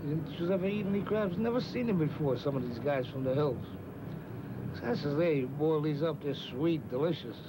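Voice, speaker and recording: An older male fisherman telling a lively anecdote aboard a fishing boat, acting out the voices of the people in his story. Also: a little high, a little fast. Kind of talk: storytelling interview. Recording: noisy old film documentary sound.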